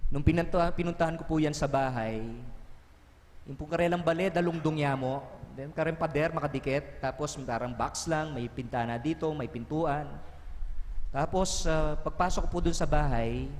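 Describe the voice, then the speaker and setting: Priest preaching in a reverberant church. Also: male voice, on the high side, a little mellow, slight background noise. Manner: mixes Tagalog, Kapampangan and English, slows for emphasis. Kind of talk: sermon. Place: parish church.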